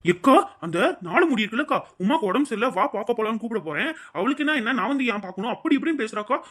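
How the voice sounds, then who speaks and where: A woman's voice: on the high side, animated, rapid-fire. A woman voicing a hot-tempered young neighbour in a cartoon, talking in a combative, threatening way. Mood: angry. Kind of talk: cartoon voice acting.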